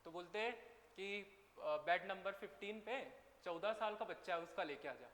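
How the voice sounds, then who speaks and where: A man's voice: high-pitched, moderate pace, fairly bright tone. A man teaching a biology class, chatty and teasing his students as he tells a story. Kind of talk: classroom lecture with anecdotes. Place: large echoey classroom. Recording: echoey hall, faint room noise.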